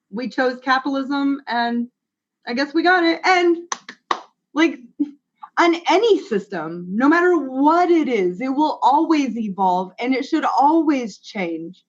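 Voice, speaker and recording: A woman's voice: high-pitched, animated, slow. A woman from the United States speaking earnestly in a casual online panel discussion, sometimes restarting mid-sentence. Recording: muffled web call audio.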